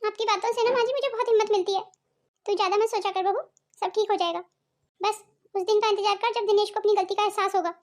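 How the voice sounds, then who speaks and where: A woman's voice: extremely high pitch, steady tone, quick pace. A woman voicing a blunt elderly mother-in-law in a cartoon family drama, who lectures and scolds. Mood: lecturing. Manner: scolding, proverb-quoting. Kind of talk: cartoon soap voice acting.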